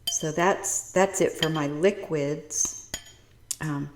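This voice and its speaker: A woman's voice: deep voice, steady tone, slow pace, roomy sound, slight background noise. A woman vlogger chatting casually to her viewers while eating in her home kitchen, savoring each bite. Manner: chatty, savoring food, talks between bites. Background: clinking dishes and cutlery.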